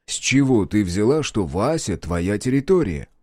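A man voicing a calm, evasive ex-husband in an audiobook, speaking in a soft, mild, placating tone. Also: on the low side, moderate pace, no room sound, studio quality. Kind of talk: audiobook character voice.

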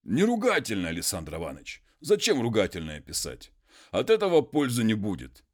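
A wheedling peasant pleads in folksy, drawn-out phrases, as a man puts him on for a story reading. The voice sits high and loud, with lots of lift and fall in each line. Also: huge pitch swings. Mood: pleading.

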